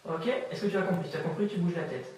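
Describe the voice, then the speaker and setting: Higher-voiced man hypnotizing, echoey room. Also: darkish tone, slight background noise. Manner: slow soothing repetitive suggestions; hesitant, many fillers. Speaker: amateur hypnotist. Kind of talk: hypnosis session. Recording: very echoey room, mic far off.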